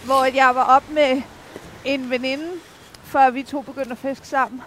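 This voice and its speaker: A woman's voice: fairly even intonation, poor audio. A woman, chatting casually and telling small anecdotes while out by the water. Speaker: angler. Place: outdoors by the water. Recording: outdoor ambient noise, vehicle rumble.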